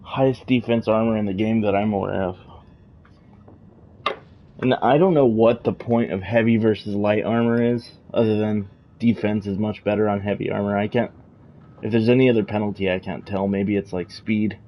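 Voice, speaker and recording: Low-voiced, joking gameplay streamer man. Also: fairly even intonation, moderate pace, muffled recording, slight background noise. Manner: joking, profane, rambling. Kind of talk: casual gameplay commentary.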